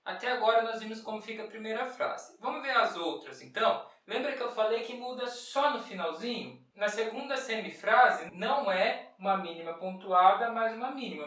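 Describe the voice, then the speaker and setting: A patient music teacher walks through rhythms one bar at a time, posing questions and then answering them. The voice sits at an ordinary middle pitch and chants short rhythm syllables. It is picked up from a distance in a strongly echoing room. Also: fairly bright tone. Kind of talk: step-by-step music lesson. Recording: very echoey room, mic far off.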